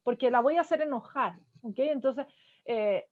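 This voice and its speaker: A woman's voice: high-pitched, normal speed, background noise. A woman counselor giving a parenting lecture to an audience, checking in with her listeners again and again through short tag questions. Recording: dull lo-fi sound.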